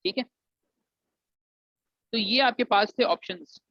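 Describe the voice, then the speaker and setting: A man's voice: high voice, slow pace, no echo. A man from Pakistan, advising students on engineering admissions and mixing English phrases into his talk. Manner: mixes English phrases into Urdu, calls students "beta". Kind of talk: explanatory lesson to students. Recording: dull, dry lo-fi recording.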